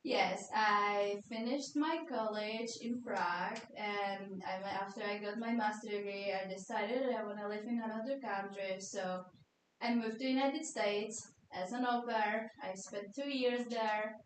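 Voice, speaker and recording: A young Czech woman speaks English with a Czech accent as a podcast guest, friendly and easygoing with lots of "like". Her pitch is an ordinary middle. The voice comes from off-mic in a very reverberant room with a faint hiss. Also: a little slow, recorded from a distance. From Czech Republic. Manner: friendly, relaxed, with frequent "like" fillers and light laughs. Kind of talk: casual interview in English.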